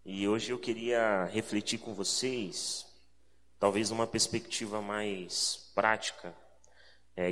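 This carioca man from Rio de Janeiro, Brazil, speaks as a guest preacher, informal and reflective, repeating phrases to drive points home. His mid-range voice has a fairly bright tone. The sermon is conversational, with prayer and scripture reading, addressed to a congregation in a big indoor meeting space that echoes noticeably.

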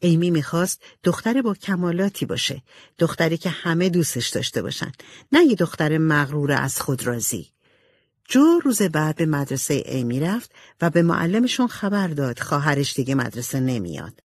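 Lively, husky woman storyteller. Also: low-pitched, dry recording. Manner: expressive storytelling. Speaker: audiobook narrator. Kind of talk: scripted narration.

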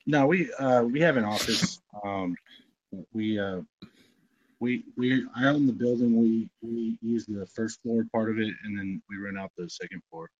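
A man speaks through a cell phone on speakerphone, and the call-in audio comes through dull and lo-fi. His voice sits fairly low. He gives short, plain answers with some hesitant fillers. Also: normal speed. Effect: cell phone on speakerphone over a call-in line. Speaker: business owner calling in as guest. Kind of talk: casual chat.

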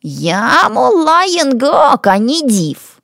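A woman's voice: sits high, wildly swooping pitch, extremely slow, gravelly, a bit bright, no room sound, clean studio sound, pitched above the performer's own voice, heavily acted. A woman voicing a sly, cowardly ex-mullah of forty-two who fawns and stammers. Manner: fawning, stammering, pleading.

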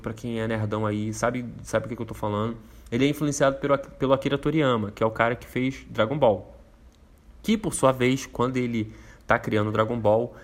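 A man with a Brazilian Portuguese accent hosting a casual explainer, laid-back and slangy, rambling with fillers. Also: medium pitch. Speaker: host explaining a topic.

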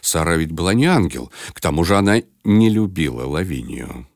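A man hosting and narrating a children's book reading in an expressive manner. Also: deep voice, normal speed, vocal fry, no echo, clean studio sound. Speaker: storyteller host.

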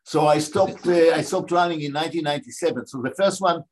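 An older man from Israel, a guest answering interview questions in a measured, pausing way. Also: a little high, slight background noise.

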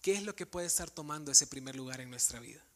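A man's voice: mid-range voice, lively intonation, fast talker, a bit bright. A man preaching a sermon to a congregation, earnest and questioning, addressing the listeners directly. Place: church sanctuary with live congregation. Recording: long hall reverb.

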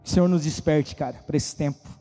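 A man preaching a casual youth sermon, animated and slangy, often acting out quoted voices. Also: a little high, fast talker, big-room sound, faint music behind.

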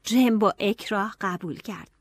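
A woman narrating an audiobook in a steady storytelling manner. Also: medium pitch, no echo, studio quality.

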